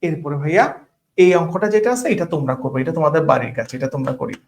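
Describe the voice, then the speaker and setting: His high voice is gravelly and a little mellow, racing along with lively intonation, and a little hiss or hum sits underneath. Teaching math online, he chats casually, slips English words in and frequently checks for understanding.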